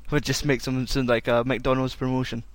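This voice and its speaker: A man's voice: medium pitch, level tone, brisk, dry recording. A man hosting a casual chat, loose and rambling. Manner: loose and rambling, laughs a lot. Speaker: podcast host.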